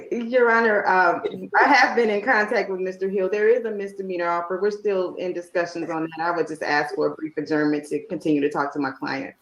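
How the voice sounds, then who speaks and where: A woman's voice: fairly low pitch, fairly even intonation, fairly quick, hardly any pauses, highs cut off. Female public defender in very echoey court. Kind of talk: courtroom address to a judge.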